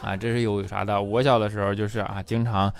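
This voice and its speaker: A man's voice: lowish voice, little pitch movement, fast talker, creaky. A man performing a stand-up comedy monologue as host, chatty and teasing, often asking the audience "right?". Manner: chatty, teasing, with frequent rhetorical "right?" asides.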